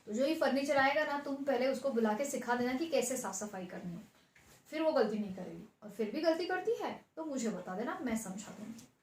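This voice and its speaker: A woman teacher walks through a Hindi play line by line, explaining it patiently and mixing in English terms. Her voice sits high. The room adds a roomy echo. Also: lively intonation, brisk.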